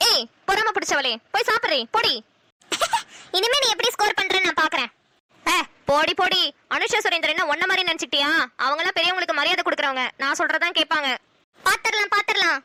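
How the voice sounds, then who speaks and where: A woman with a Namakkal Tamil accent voices a cartoon in playful, teasing banter. Her voice is very high and bright. The sound is dry and close. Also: fast, no room sound. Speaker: cartoon voice artist. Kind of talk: cartoon voice acting.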